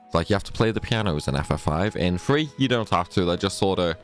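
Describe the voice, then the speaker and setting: A man with a lowish voice that swings up and down a lot, talking casually through a game guide. He rambles and corrects himself as he goes, sneezy and stuffed up, with faint game music underneath. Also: lively intonation, fast talker. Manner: chatty, rambling, self-correcting. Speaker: gaming guide creator. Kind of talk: casual game walkthrough commentary.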